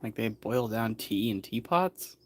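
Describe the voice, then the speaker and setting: A man's voice: lowish voice, animated, measured pace. A man hosting a casual tea livestream, rambling and hesitant with frequent chuckles. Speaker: livestream host. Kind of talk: casual live-stream chat.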